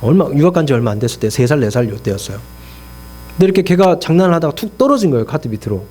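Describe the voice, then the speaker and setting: Man, middle-aged pastor, sermon, animated storytelling, rhetorical questions, fairly high voice. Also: very fast. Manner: animated storytelling, acts out complaints and prayers in his own voice; asks the congregation frequent rhetorical questions.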